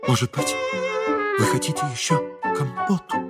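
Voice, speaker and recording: A man voicing an anxious, sentimental middle-aged woman fortune-teller who pleads in a hushed, breathy way. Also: medium pitch, normal speed, loud music behind the voice, close to an everyday voice. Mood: anxious pleading.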